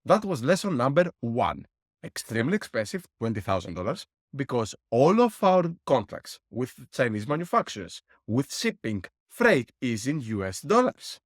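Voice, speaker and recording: Speaking at a normal pace in a mid-range voice with big pitch swings, a middle-aged Greek guest who publishes board games walks through costs step by step in his interview answers. He uses worked numbers and lessons, laughing wryly. The close mic is dry, with no echo.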